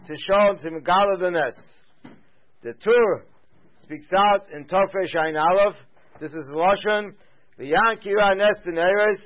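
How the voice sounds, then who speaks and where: A man's voice: sits high, highs cut off. A man giving a Talmudic study lecture as a Torah teacher, laying out sources and then posing rhetorical questions.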